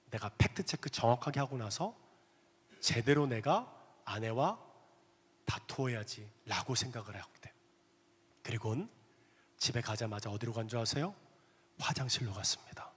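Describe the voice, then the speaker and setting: A male pastor telling a personal story in a sermon, animated, sometimes dropping to hushed asides. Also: mid-range voice. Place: church sanctuary. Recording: long reverb of a church hall.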